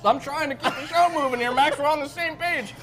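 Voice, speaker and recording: A man co-hosting a live sports talk show, posing halting questions with lots of fillers. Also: extremely high pitch, a bit bright, faint music behind. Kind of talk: casual sports debate.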